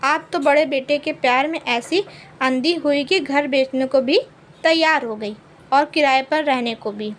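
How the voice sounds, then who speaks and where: A woman's voice: high voice, measured pace, a little hiss or hum. A woman voicing an angry young man, a worried younger brother who pleads with his family. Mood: accusing. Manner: pleading, heated.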